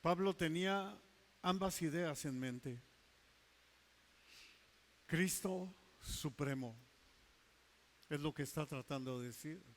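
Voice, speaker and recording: A male pastor preaching a sermon, emphatic, stretching key words slowly and dropping into quiet asides. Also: a little high.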